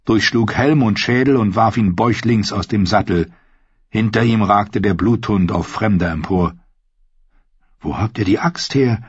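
A man narrating a fantasy audiobook in a steady, even storytelling manner. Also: fairly low pitch, slightly rough, no echo. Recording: dry, slightly muffled studio sound.

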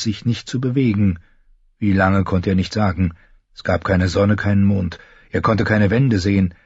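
A man narrates a fantasy novel in a measured, somber manner. His voice sits low with a husky grain. The close-miked recording is dry and somewhat dull. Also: dry recording. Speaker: audiobook narrator.

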